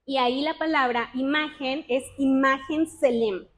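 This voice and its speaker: A women's ministry speaker with a high voice leads a casual Bible teaching for a women's group. She's chatty and self-mocking, constantly asking her listeners questions, but slows down and weighs each word when reading scripture.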